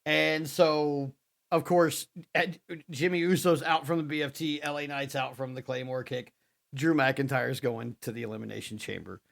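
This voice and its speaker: A man with a gravelly, mid-range voice co-hosts a wrestling podcast. He recaps the week's shows in a casual, animated way, acting out the wrestlers' lines as he goes.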